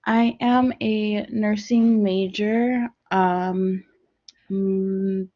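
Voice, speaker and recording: A young woman student introducing herself in an online class, relaxed and a little hesitant. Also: medium pitch, very slow, dry recording. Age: young adult. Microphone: video call mic. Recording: dry muffled video call audio.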